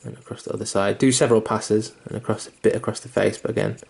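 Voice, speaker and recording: The speaker is a young man, hiccuping as he gives a laid-back miniature painting tutorial. His voice is on the low side, gravelly and a little mellow, level in tone and quick in pace. He rambles somewhat, uses fillers and restarts, swears occasionally, and is mildly self-deprecating.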